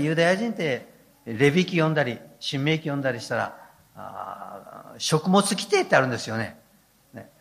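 A man's voice: fairly high pitch, vocal fry, fairly bright tone. An older man, preaching a sermon as a pastor with folksy, humorous storytelling.

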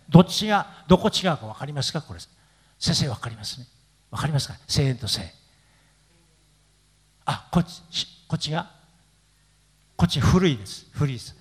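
Animated older Japanese pastor preaching. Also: male voice, sits high. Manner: animated, acts out quoted voices, laughs often. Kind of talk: sermon with storytelling. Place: church.

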